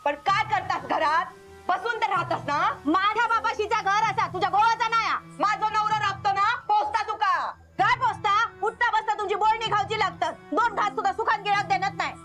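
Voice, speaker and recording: A shrill, quarrelsome village wife. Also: female voice, a little fast, sharp tone, soft background music. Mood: angry. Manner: shrill, scolding, argumentative. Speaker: quarrelling family woman. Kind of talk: TV drama acting.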